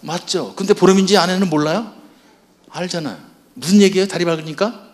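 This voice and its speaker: A man with a fairly high voice speaks to a church audience at a marriage seminar. He keeps quizzing the listeners and slips into playing husbands and wives as he goes. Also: a little fast. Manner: asks the audience questions and acts out spouses' lines. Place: church hall before an audience.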